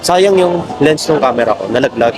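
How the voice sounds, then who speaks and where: A man's voice: medium pitch, expressive, normal speed. A man with a Filipino accent, chatting casually to viewers while walking through a city at night. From Philippines. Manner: chatty, mixes Tagalog and English, addresses viewers as guys. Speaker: travel vlogger. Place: city street at night, outdoors. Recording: noisy outdoor street recording. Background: street and traffic noise.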